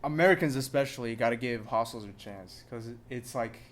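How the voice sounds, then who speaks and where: A man's voice: mid-range voice, fairly quick. A young man from Southern California, co-hosting a podcast in loose, profane, filler-heavy casual chat. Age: young adult. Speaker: podcast co-host.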